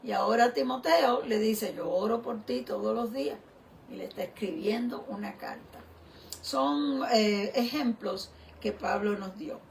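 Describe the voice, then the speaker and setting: A woman pastor preaching a sermon in a slow, reflective way, often asking the listener questions. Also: fairly high pitch, gravelly, slight background noise.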